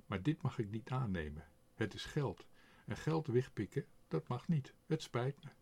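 A man voicing a kind, honest father in an audiobook, speaking gently but firmly. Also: mid-range voice, normal speed, creaky, husky, full character voice. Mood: gentle, firm. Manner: gentle, calm and firm. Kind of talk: audiobook character voice.

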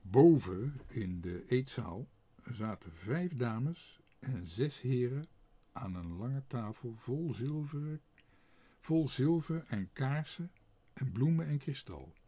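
A man's voice: medium pitch, slightly rough. Hese man die langzaam voorleest. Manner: slow and expressive. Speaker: reader. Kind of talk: reading a children's book aloud.

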